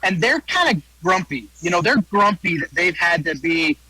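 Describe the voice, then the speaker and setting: A man's voice: high voice, sing-song, moderate pace, sharp tone, husky, no room sound, rough recording. An American man giving a folksy, casual sports preview as a guest wrestling analyst, repeating phrases for emphasis.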